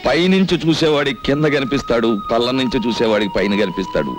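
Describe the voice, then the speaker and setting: A man's voice: medium pitch, sing-song, fast, natural voice. An actor playing a middle-class family man who addresses his family in a solemn, speechlike way. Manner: wry, then solemn and speechlike. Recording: film soundtrack with music.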